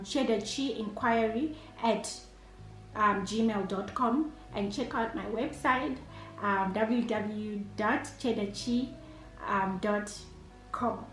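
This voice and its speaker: Recorded in an echoey room, a Zimbabwean woman in her thirties who is a chef and entrepreneur responds to interview questions hesitantly, often using fillers and starting over. She has a mid-range voice.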